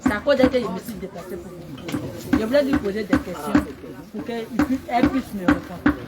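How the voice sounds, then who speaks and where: A woman giving an emotional, halting church testimony. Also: mid-range voice, expressive. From Ivory Coast. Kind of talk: spoken testimony. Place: church gathering. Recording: loud crowd and noise.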